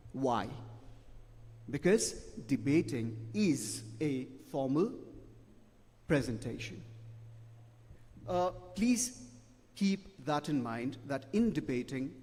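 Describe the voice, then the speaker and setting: A middle-aged man, giving emphatic, repetitive feedback as a debate judge and ending his points with "okay?". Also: mid-range voice. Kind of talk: spoken feedback to students. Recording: long hall reverb.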